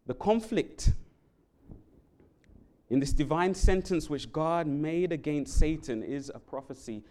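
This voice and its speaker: A Bible worker from England with a London accent preaches a sermon in a church sanctuary, including prayer and scripture reading. He speaks earnestly, a little slowly, in an expressive, darkish voice, rising sharply in pitch and volume on key words.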